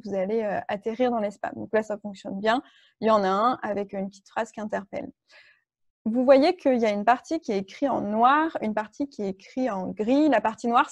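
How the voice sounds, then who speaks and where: A woman's voice: a little high, a little mellow, dry recording. A woman leading an online workshop, explaining step by step with frequent fillers and restarts. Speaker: workshop trainer.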